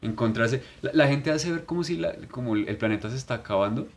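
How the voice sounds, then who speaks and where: A man, co-hosting a podcast in casual chat, telling stories in a crude, animated way full of swearing. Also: mid-range voice, quick pace. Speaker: podcast co-host.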